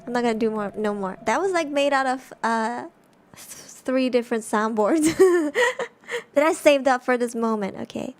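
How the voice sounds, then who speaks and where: A woman's voice: fairly high pitch, moderate pace. A woman streamer chatting casually in her bedroom while reading horror stories, talking in a jumpy, giggly way. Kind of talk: casual livestream chat.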